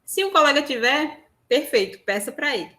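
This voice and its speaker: A woman's voice: sits high, lively intonation, moderate pace, sharp tone. A woman with a Brazilian Portuguese accent presenting an online workshop from a room at home on a lapel mic, explaining in a chatty way with frequent tag questions. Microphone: lapel mic on a phone.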